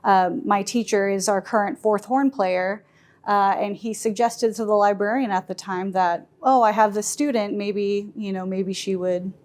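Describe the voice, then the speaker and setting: A woman's voice: medium pitch, fairly even intonation, moderate pace, a little mellow. A woman in her thirties, a head music librarian, answering interview questions in a friendly, casual way with many fillers and restarts.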